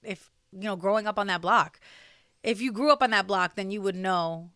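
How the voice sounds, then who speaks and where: Young podcast guest from New Jersey, rambling and chatty, clear smooth tone. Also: female voice, mid-range voice, moderate pace, fairly bright tone, no room sound, clean studio sound. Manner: chatty, many fillers and restarts. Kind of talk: casual interview conversation.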